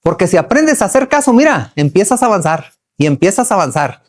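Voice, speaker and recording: Brief: middle-aged man, motivational speaker, animated pitch, folksy and slangy. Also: brisk. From Chihuahua, Mexico. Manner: folksy, earthy slang, asks the audience many questions. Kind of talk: motivational talk to workers.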